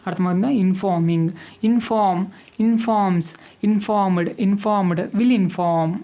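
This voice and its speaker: A woman's voice: mid-range voice, steady tone, a little fast, warm tone. A woman with a Telugu accent teaching spoken English, patiently repeating each verb form and checking that her students follow.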